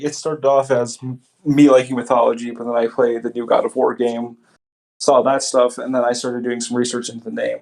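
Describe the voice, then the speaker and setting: A man with a gravelly, creaky edge to his voice, chatting as an interview guest. His delivery is laid-back and blunt, and he swears without much thought. His pitch sits right in the middle. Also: darkish tone. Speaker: guest, battle rapper. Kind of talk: casual interview chat.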